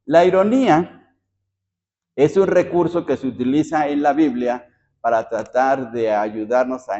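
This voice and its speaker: A man's voice: medium pitch, mellow, highs cut off. A man preaching a Bible study sermon as pastor, asking the congregation rhetorical questions.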